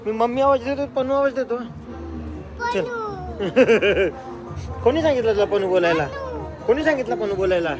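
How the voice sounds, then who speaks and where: A woman's voice: on the high side, expressive, moderate pace, long pauses. A woman filming a casual family vlog, laughing often as she coaxes a small child. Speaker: vlogger. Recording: loud music and crowd noise. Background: loud music and a crowd.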